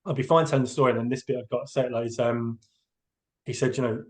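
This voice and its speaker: A man's voice: mid-range voice, fairly even intonation, fast talker. A man, a train driver giving a candid, hesitant personal account in a podcast interview. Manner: hesitant, open, emotionally candid.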